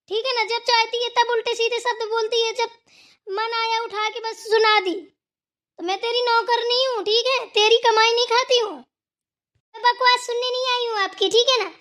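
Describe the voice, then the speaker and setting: A woman's voice: very high-pitched, steady tone, moderate pace, a bit bright. A woman voicing a defiant young daughter-in-law in a Hindi cartoon, talking back to her mother-in-law. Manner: defiant, talks back, repeats "theek hai na".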